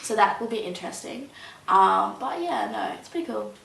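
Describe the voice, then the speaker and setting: A young adult woman answers interview questions in a casual, hesitant way, filling her speech with lots of ums and likes. Her medium-pitched voice is gravelly and fairly bright, animated, and delivered at a normal speed. The recording sounds roomy, with a distant mic and faint hiss.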